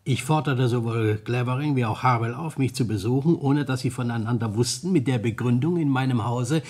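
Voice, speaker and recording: In a radio crime play, a male actor portrays a shrewd, self-satisfied police detective. His mid-range, slightly mellow voice speaks formally and deliberately, with light acting.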